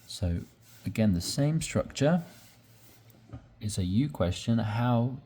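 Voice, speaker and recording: A man teaching English, slowly explaining sentence patterns and repeating examples with patience. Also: mid-range voice, expressive, dark tone, a little hiss or hum. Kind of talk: slow explanatory lesson.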